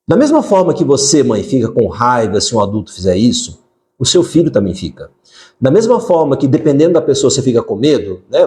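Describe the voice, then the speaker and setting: A man's voice: medium pitch, warm tone. A man, hosting a parenting live stream, talking casually and putting direct questions to the viewers. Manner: conversational, asks viewers direct questions, frequent fillers. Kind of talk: live-stream talk answering viewer comments.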